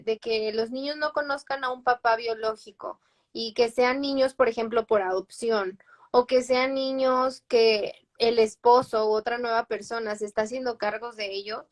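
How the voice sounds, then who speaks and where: A young adult woman, a psychologist guest on a live stream, explaining through personal examples and tag questions. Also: on the high side. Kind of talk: live-stream advice talk.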